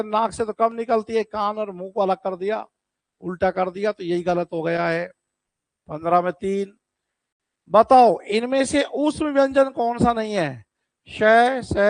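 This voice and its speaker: In a dry recording, a high-voiced man leads an online exam-prep session. He addresses the students straight on, with lively energy and drawn-out words to stress his points.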